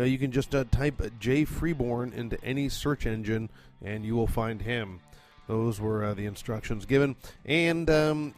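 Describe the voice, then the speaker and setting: Rambling, profane man hosting a podcast. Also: medium pitch. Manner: chatty, profane, rambling with many fillers. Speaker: podcast host and producer. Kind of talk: casual rambling monologue. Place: condo at home.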